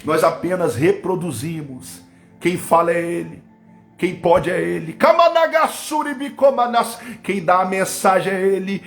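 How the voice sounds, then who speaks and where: Fervent Brazilian preacher, high voice. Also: male voice, fairly even intonation, measured pace, gravelly, soft background music. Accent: Brazilian Portuguese. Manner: fervent, swinging between loud bursts and low asides, speaking in tongues. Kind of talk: live-streamed Pentecostal sermon. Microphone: webcam or phone on a live stream.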